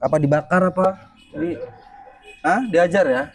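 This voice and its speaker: A man acting in an amateur skit as a calm hero who stands up to a thug, teasing him and laughing at him. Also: fairly high pitch, measured pace, slight background noise. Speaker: skit lead and channel host.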